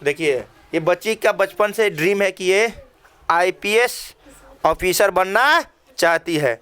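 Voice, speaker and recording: A man's voice: high-pitched, takes it slowly, a bit bright, clear, resonant tone. A man with a Bhojpuri-tinged Hindi accent teaching an English lesson to children in a classroom, asking questions and repeating phrases for the class.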